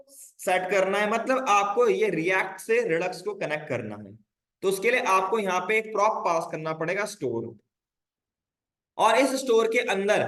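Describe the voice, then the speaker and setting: Male coding tutor, high voice, casual check-in style, echoey room. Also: a bit bright. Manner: casual Hindi-English teaching, frequent check-ins with "bhai". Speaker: coding instructor. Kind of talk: live online coding class.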